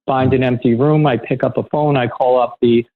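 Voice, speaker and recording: A man's voice: medium pitch, moderate pace. Middle-aged man telling stories over a tinny line. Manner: lively storyteller who acts out quoted dialogue. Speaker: guest, security professional. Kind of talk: conversational anecdote telling.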